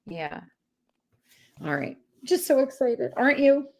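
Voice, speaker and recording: A woman's voice: high-pitched, very animated, takes it slowly. A woman hosting a casual live-stream chat over a video call, talking in a rambling way with many restarts. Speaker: host.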